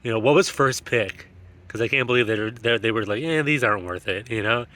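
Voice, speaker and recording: A man in a casual, excited show-and-tell about his yard sale finds. His voice echoes as if he were in a cave, and he talks with frequent ums and restarts. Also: mid-range voice, a little fast. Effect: echoey cave-like sound.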